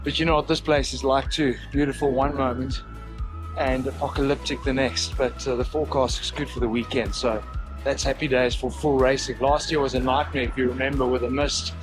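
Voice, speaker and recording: South African man, easygoing jokey vlogger, mid-pitched, faint music underneath. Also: level tone, fairly quick. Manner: chatty, joking, self-deprecating. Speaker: travel vlogger. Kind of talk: casual vlog chat. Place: motorhome camp beside a racetrack, outdoors.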